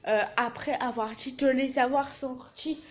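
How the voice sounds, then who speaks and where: A teenage girl with a high voice and fairly even intonation talks a bit slowly as she vlogs from a small office. She jokes crudely and swears plenty while walking through her work placement, over a slight hiss or hum.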